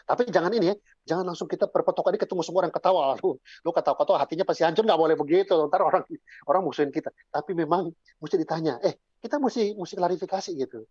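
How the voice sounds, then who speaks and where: A man's voice: a little high, rapid-fire, a little mellow, breathy edge, no room sound. A male evangelist giving an informal, chatty sermon talk full of casual fillers, on a dull lo-fi recording. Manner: chatty, colloquial, frequent fillers.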